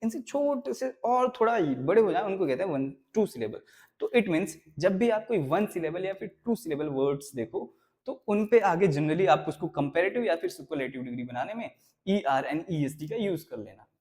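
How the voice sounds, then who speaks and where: A young man with a fairly high voice teaches a school grammar lesson. He explains each point step by step and keeps checking in with his students. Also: lively intonation, moderate pace, darkish tone.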